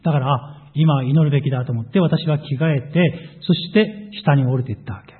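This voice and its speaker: A man preaching as a pastor, telling his testimony in an animated storytelling way. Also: fairly high pitch, brisk, husky. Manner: animated storytelling, voices quoted people. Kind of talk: sermon testimony. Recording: tinny phone-like audio.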